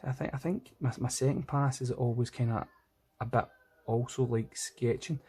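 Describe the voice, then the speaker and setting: A Scottish-accented man narrates his own drawing process in a casual art vlog, thinking aloud informally as he sketches. His mid-range voice is steady, mellow, and slightly rough, at a moderate pace, with music playing in the background.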